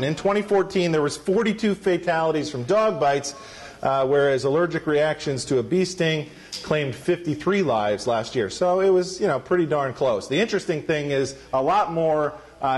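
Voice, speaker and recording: Playful male preacher, high-pitched, jokes with the congregation during the sermon. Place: church sanctuary.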